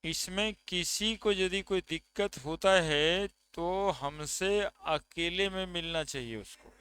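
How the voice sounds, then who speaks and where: A man's voice: high-pitched, slow, sharp tone, smooth. A man from India teaching a chemistry class, counting atoms aloud and checking with his students. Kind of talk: classroom lecture.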